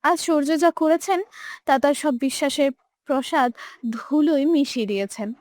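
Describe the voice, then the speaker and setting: A woman's voice: high voice, moderate pace, darkish tone, no room sound. A young woman narrating a romantic audio story with emotive, dramatic delivery. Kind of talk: scripted narration.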